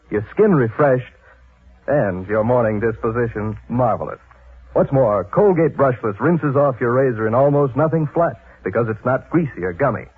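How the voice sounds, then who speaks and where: An American man delivers a scripted 1940s radio sales read with folksy push. His mid-pitched voice is husky. The sound is boxed-in and muffled, like an old broadcast. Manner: folksy hard-sell pitchman. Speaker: radio commercial announcer.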